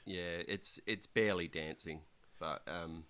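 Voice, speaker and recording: Low-voiced Australian man chatting casually. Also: fairly even intonation, unhurried, pushed and bright. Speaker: podcast co-host. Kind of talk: casual podcast chat.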